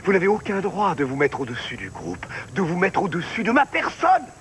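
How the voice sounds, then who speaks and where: An actor playing a self-righteous, domineering cult leader with a preachy, commanding manner in a film. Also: male voice, high voice, wildly swooping pitch, fairly quick, a bit bright, full character voice. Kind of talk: French film dialogue. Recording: film soundtrack with faint noise.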